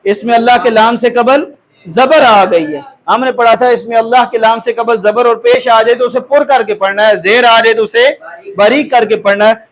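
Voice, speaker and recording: Speaking in a very high-pitched voice, a Quran recitation teacher walks his students through each step. He demonstrates by drawing each syllable out slowly and stops patiently to check on them.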